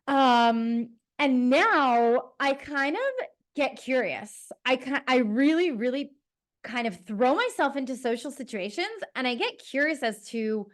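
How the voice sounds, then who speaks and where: A woman from Toronto, a personal trainer talking in a casual, rambling monologue full of fillers. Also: fairly high pitch. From Toronto, Canada. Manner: chatty and rambling, with many fillers.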